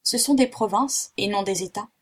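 Unflappable boy pupil, calm recitation, husky; woman reader. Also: mid-range voice, moderate pace, close to an everyday voice. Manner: calm, matter-of-fact recitation.

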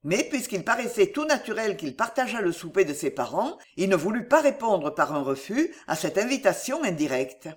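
An audiobook narrator reading a novel aloud with expressive, varied intonation. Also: medium pitch, normal speed, hardly any pauses.

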